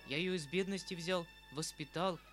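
A man's voice: fairly high pitch, normal speed, lightly acted. A man reading a fretful old uncle. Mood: tender. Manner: emotional, rambling, pleading. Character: tender, fretful aging uncle, a retired colonel. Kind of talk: audiobook reading of a classic novel. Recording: faint background music.

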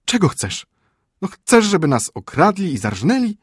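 A man reading an audiobook, voicing a panicky, scolding wife in a high, strained voice. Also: big pitch swings, moderate pace, a little mellow, husky, no echo, clean studio sound. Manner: frantic, reproachful. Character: panicky shrill middle-aged wife, prim and scolding. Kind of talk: audiobook character voice.

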